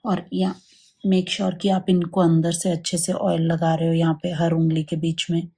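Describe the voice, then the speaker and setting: Husky low-voiced woman, hushed baby-massage demo, keeps checking in. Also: monotone, normal speed. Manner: soft-spoken, checks in with "ठीक है?". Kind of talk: hushed instructional demonstration.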